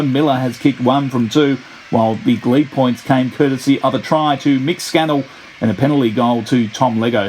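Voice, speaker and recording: A man's voice: medium pitch, a little hiss or hum, rough recording. A man commentating on a rugby match play-by-play in the formal, descriptive style of an old-time radio sports announcer. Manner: formal, descriptive play-by-play that builds to excited calls.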